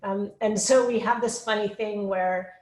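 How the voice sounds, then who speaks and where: Woman teacher, mid pitch, halting and searching, echoey room sound. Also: fairly even intonation, darkish tone. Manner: hesitant, searching for words. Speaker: teacher asking a question. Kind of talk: online Q&A question.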